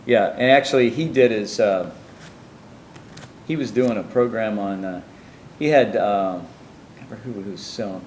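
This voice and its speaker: A man's voice: on the low side, moderate pace, pauses often, darkish tone, reverberant, slight background noise, low-quality recording. Rambling man telling a long story. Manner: meandering, many restarts and asides, acts out quoted people. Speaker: interviewee telling his life story.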